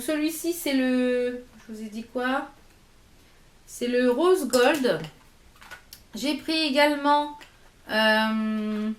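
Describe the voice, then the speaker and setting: High-voiced woman showing makeup, echoey room. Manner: hesitant, many fillers, shows products to camera. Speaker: beauty vlogger. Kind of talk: casual haul video.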